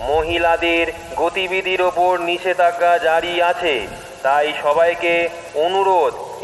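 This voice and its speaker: A man playing a police announcer whose warning comes over a street loudspeaker, slow, formal and repetitive. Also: high-pitched, slight background noise. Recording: distant echoey loudspeaker with faint music.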